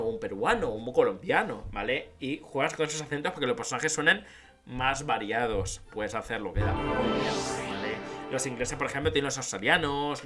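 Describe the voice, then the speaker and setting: A man's voice: mid-range voice, pushed and bright. A man giving casual advice on writing dialogue, chatty and informal, often checking in with "¿vale?". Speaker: YouTube writing-advice creator. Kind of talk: casual tutorial talk.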